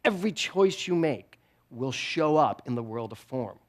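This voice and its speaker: A man's voice: mid-range voice, normal speed. A middle-aged man giving a conversational sermon at a spiritual center, telling stories with self-deprecating humor and frequent laughter. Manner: animated storytelling with frequent laughter. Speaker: guest speaker at a spiritual center.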